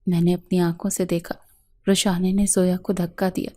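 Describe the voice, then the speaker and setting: A woman voicing a scheming young woman who feigns tearful panic, in a soft, slightly low voice. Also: level tone, dry recording, lightly acted. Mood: false distress.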